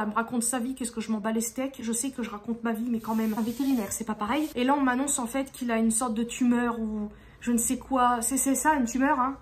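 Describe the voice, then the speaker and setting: A woman vlogging to her viewers in a casual, exasperated way, rambling with frequent restarts. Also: a little high. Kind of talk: casual venting vlog.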